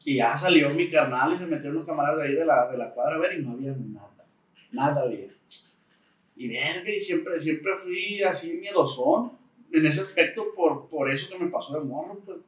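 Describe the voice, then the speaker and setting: A man's voice: on the high side, a little fast, slightly rough. A man with a Mexican accent, a podcast guest telling a story in casual slang and acting out the dialogue. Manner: slangy, animated, acts out quoted dialogue.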